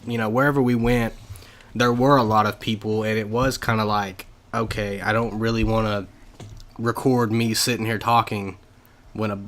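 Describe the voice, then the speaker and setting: Low-voiced rambling podcast co-host, a man. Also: pushed and bright. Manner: rambling, loose explanations with many fillers. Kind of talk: casual chat.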